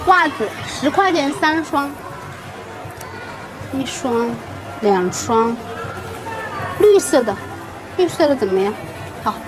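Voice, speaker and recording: High-voiced woman hosting a casual teaching vlog. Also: low-quality recording. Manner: names and repeats items for learners. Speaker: vlog host teaching Chinese. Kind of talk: casual market vlog with simple teaching explanations. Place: busy market, on location. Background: music.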